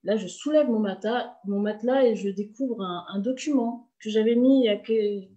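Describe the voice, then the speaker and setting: A woman telling her personal faith testimony in a halting, emotional way, full of restarts. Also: medium pitch, mellow, muffled recording. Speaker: testimony speaker.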